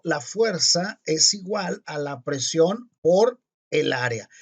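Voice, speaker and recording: Male teacher, unhurried and methodical, walks through equations aloud, pauses to check himself. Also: sits high. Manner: deliberate, spells out each calculation and checks itself. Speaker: physics teacher. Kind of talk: explaining exercises step by step.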